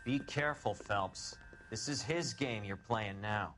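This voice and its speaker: A man's voice: lowish voice, measured pace, fairly bright tone, a little hiss or hum. A man playing a shrewd, cautionary police colleague in a video game, questioning and warning as he speaks. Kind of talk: dramatic video game acting.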